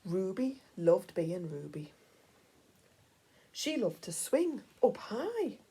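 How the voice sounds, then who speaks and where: Slow, animated woman reading a children's story. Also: mid-range voice. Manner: dramatic storytelling, dropping to hushed breathy tones. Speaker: teacher reading aloud. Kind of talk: expressive children's picture-book reading.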